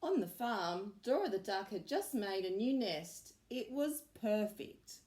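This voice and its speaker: Gentle, lively storytelling preschool teacher. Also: female voice, mid-range voice. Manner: gentle, slow, expressive storytelling. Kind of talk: children's story reading.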